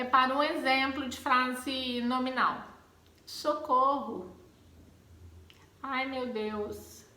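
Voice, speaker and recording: A woman with a Brazilian Portuguese accent teaches grammar in a high-sitting, reverberant voice. She's expressive, acting out exclamations to drive her points home.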